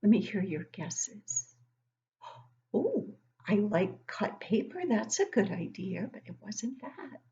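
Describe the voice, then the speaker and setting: Speaking slowly in a mid-range, dark voice with wide swings in pitch, a middle-aged woman leads an interactive picture-book reading for small kids, prompting them with questions and excited remarks. The audio, captured by a desk-distance webcam in her home living room, sounds dull.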